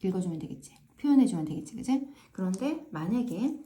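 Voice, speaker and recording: A woman's voice: mid-range voice, expressive, fairly quick, warm tone, slight background noise. A woman math teacher explaining step by step in a casual classroom manner, often asking "right?" to check understanding. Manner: frequent tag questions checking understanding; repeats filler "ja" to pace steps.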